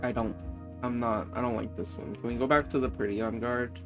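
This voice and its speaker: A man's voice: mid-range voice, fairly even intonation, fairly quick, music in the background. A young man streaming a game with a friend, casual and sweary, now and then reading lines in put-on voices.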